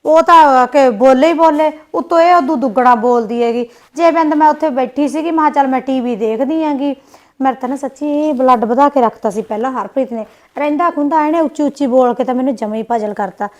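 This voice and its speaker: Quick, sulky Punjabi woman. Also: sits high. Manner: sulky, complaining, quick retorts. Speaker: young wife in a village family. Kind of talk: Punjabi short film acting.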